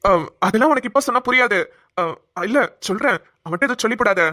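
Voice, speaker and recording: A woman voicing an injured village husband lying in a hospital bed in a Tamil cartoon, speaking gently and affectionately. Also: on the high side, fast talker. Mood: tender.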